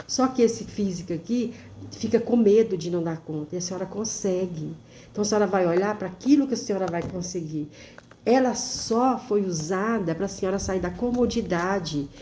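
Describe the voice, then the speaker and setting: A woman telling a story in a gentle, reassuring way, often checking in with her listener. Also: medium pitch, a little hiss or hum. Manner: gentle, reassuring, keeps asking "né?". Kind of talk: storytelling monologue.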